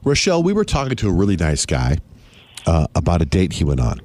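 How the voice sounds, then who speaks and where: A man hosting a morning radio show, retelling a caller's story with lively delivery. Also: deep voice, fast talker, no echo.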